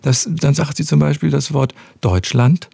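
A man, a professor of speech science, explaining in an interview in a measured, precise way. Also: fairly high pitch, fairly even intonation, vocal fry, warm tone, slightly rough, no room sound, clean studio sound. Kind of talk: expert interview answers.

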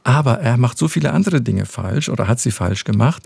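A man, a professor of speech science, explaining in an interview in a measured, precise way. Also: medium pitch, expressive, vocal fry, a little mellow, breathy edge, no echo. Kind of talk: expert interview answers.

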